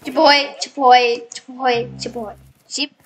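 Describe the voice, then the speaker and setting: A young female gamer chatting excitedly while playing, chanting words and breaking into screams. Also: high voice, moderate pace, soft background music, low-quality recording. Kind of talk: casual gaming chat.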